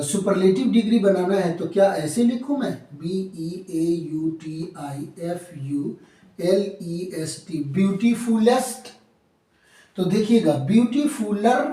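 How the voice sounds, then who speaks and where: A man's voice: high-pitched, mellow. A man with an Urdu accent teaching English grammar in a lecture, spelling words letter by letter and asking and answering his own questions. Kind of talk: classroom lecture. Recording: echoey room, mic at a distance.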